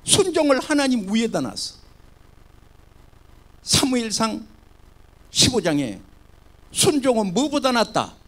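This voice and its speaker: A male pastor preaching a sermon, swinging between loud exclamations and soft asides. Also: very high voice, very animated, measured pace, pauses often.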